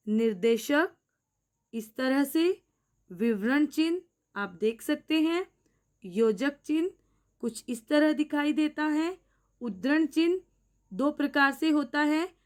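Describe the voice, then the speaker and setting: A woman teaching a grammar lesson in a slow, careful way, pausing often so every point sinks in. Her voice sits a little high. She talks to her viewers as friends. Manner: slow, deliberate explaining, addresses viewers as friends. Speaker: teacher and channel host. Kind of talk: scripted Hindi grammar lesson.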